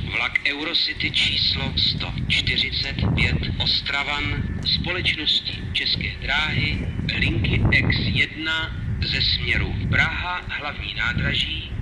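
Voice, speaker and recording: A man making formal, measured, pre-recorded railway announcements in segmented phrases over a station public address system. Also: medium pitch. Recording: noisy station loudspeaker recording.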